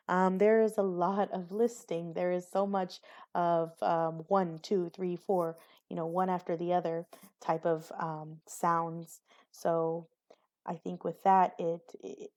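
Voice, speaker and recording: A woman's voice: on the low side, a little mellow. A young woman giving a recorded class presentation on a poem, hesitant, with many fillers and restarts. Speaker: student presenter.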